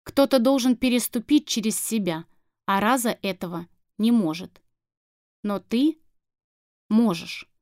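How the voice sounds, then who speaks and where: A woman voicing a grim, stubborn shaven-headed man in an audiobook, speaking flatly and bluntly. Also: a little high, a little slow, long pauses, no room sound, studio quality. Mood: insistent. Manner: flat, firm and blunt. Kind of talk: audiobook character reading.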